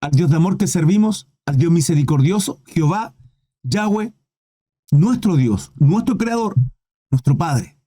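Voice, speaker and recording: A man's voice: on the high side, animated, measured pace, dark tone, husky. A man preaching a sermon with fervent, questioning delivery, often calling listeners "brother".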